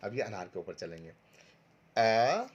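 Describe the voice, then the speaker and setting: Male primary teacher, online lesson for small children, slow and patient, spells out sounds one by one, mid-pitched voice. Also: lively intonation, a bit bright, lo-fi sound, a little hiss or hum. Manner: patient, slow and step-by-step, sounding out syllables for pupils to repeat. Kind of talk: recorded online Hindi lesson for first graders.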